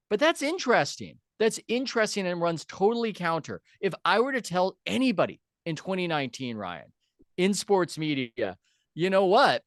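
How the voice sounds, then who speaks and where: Male sports host, slightly high pitch, dry close sound, argumentative and emphatic. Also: no room sound. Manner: argumentative, emphatic, speeds up and slows down. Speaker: show host. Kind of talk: opinionated sports commentary.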